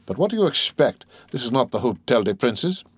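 A man's voice: medium pitch, sing-song, brisk, slightly rough, no echo. A man voicing a sly, sentimental old male innkeeper who talks in a wheedling, sententious way, in an audiobook.

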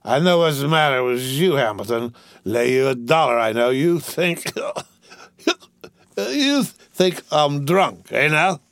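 A man's voice: lowish voice, animated, slow, creaky, hardly any pauses, no room sound, voice pushed down, full character voice. A man voicing a drunken, boastful rich young man who slurs, rambles and keeps breaking into laughter. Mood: drunk giggly.

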